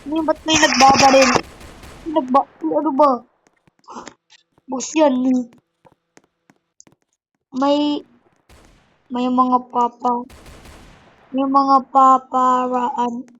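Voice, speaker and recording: A woman giving excitable, chatty commentary on her online game as a YouTuber, full of exclamations. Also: sits high, takes it slowly, pauses often, rough recording. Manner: excitable, chatty, code-switching, frequent exclamations. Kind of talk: casual gameplay commentary.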